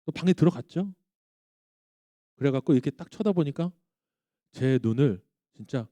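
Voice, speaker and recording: A man's voice: fairly high pitch, mellow, dry recording. A man in his thirties, a pastor giving a sermon to young adults, telling stories animatedly and asking the congregation questions. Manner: acts out quoted dialogue in his stories. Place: church.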